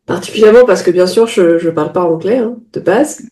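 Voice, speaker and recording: A woman's warm, lowish voice carries a consecutive French interpretation of a sermon. Each phrase is promptly restated, and occasionally she revises her wording mid-sentence.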